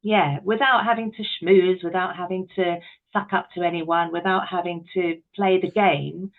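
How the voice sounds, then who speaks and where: Over a thin, phone-like line, a middle-aged British woman speaks at a moderate pace in a lowish, fairly even voice. She is a podcast guest, an actress, director and writer, chatting candidly and self-deprecatingly in a conversational interview as she reflects on her own experiences through personal anecdotes.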